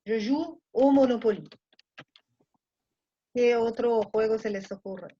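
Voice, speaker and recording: A woman's voice: fairly high pitch, takes it slowly, warm tone, slightly rough. A woman with a Mexican accent teaching a French class in Spanish, often checking that students follow. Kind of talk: online class lecture. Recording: muffled lo-fi audio.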